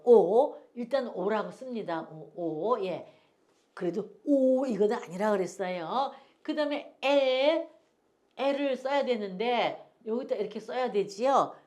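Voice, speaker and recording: A woman's voice: mid-range voice, darkish tone. An older woman teaching an English phonics lesson, patiently repeating each word for learners to echo and drifting into homely stories.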